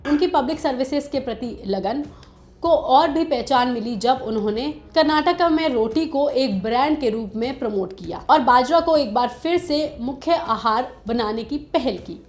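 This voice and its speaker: A woman anchor reading a scripted news report in Hindi style, brisk, opening with dramatic rhetorical questions. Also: fairly high pitch, animated, darkish tone. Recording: music bed behind voice.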